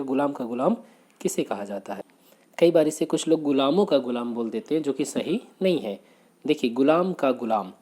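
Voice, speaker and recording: Mellow-voiced man teaching exam answers. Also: mid-range voice, breathy edge. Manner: brisk, repeats answers, asks rhetorical questions. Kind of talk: exam question walkthrough lecture.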